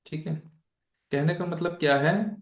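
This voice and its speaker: A man's voice: fairly high pitch, unhurried, reverberant. A man giving a casual online lesson, talking in a conversational way, checking in with his listeners often and slipping English phrases into his speech. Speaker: Bhagavad Gita teacher.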